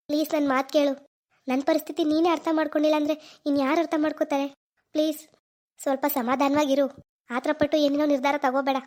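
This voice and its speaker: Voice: sits high, a little mellow, lightly acted. A voice actor playing a young man in a cartoon, anxiously pleading with his girlfriend. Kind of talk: cartoon voice acting.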